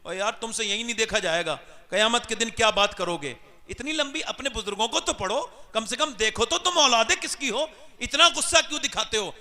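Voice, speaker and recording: A male preacher giving a religious sermon, telling stories softly and then rising to shouted climaxes while urging the crowd to respond. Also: extremely high pitch, expressive, brisk, in a large hall. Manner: builds from soft storytelling to shouted climaxes, coaxes crowd responses. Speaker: Islamic preacher. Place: large gathering with crowd.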